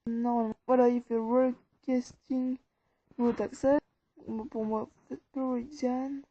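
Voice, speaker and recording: Her voice is fairly high and level, and she speaks at a measured pace. She made this app tutorial and guides viewers through it one step at a time in a loose, rambling, informal way. Expect a dull, dry, lo-fi sound.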